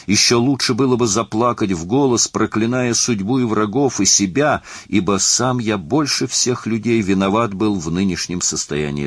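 A man with a deep, low-pitched voice narrates an audiobook. His reading is dramatic and charged with emotion. The sound is close and dry, with almost no room echo. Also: slightly rough.

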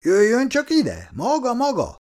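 Man as a gruff policeman, officious, barking orders, lively swings in pitch, storybook reading. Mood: bossy. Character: gruff male policeman, suspicious and bossy.

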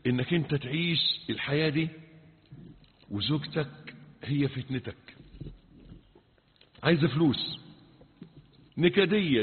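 A man with an Egyptian accent preaching a sermon, emphatic and full of rhetorical questions, moving between forceful and hushed delivery. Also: a little high, a little hiss or hum. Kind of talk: sermon mixing colloquial and classical Arabic. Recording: tinny, phone-like sound with long hall reverb.

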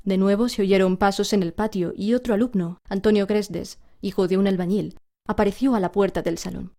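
Mellow woman reading a story. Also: medium pitch, steady tone, fairly quick. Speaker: narrator. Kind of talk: storybook read-aloud.

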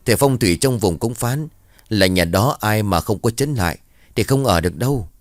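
A superstitious middle-aged villager, voiced by a man who passes on warnings in a hesitant, gossiping way. The voice sits low and sounds dry and close. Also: animated, normal speed, no echo, lightly acted. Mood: uneasy.

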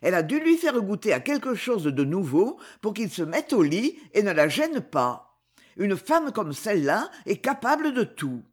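A reader voicing a distraught wife in an audiobook, read in a lively, expressive way. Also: mid-range voice, moderate pace, breathy edge. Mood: distressed. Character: anguished wife, a woman afraid for her husband. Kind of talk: audiobook dialogue.

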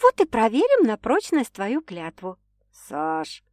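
A woman reading an audiobook, voicing a teasing, domineering young man who speaks slowly and wryly. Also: huge pitch swings, a little mellow, no echo, clean studio sound, exaggerated voice. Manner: slow, low and wry. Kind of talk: audiobook character voice.

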